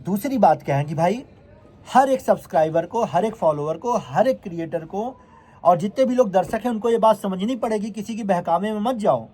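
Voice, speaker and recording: A man's voice: high voice, expressive, moderate pace, dark tone. A vlogger who is a man, delivering a heated, confrontational rant straight to his viewers and repeatedly scolding his critics.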